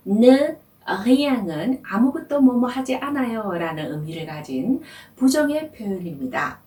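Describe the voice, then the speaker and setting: Lady teaching french, slow and careful, lively pitch, roomy sound from a distant mic. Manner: slow, careful explanation with drawn-out demonstration words. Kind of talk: language lesson.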